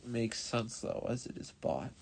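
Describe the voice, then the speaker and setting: A man narrating his strategy game with slow, deliberate pacing and a playful, mock-dramatic flair. His voice sits at an ordinary middle pitch, with a faint hiss underneath. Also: very animated, vocal fry, darkish tone, rough recording. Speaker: gaming streamer. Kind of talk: gameplay commentary.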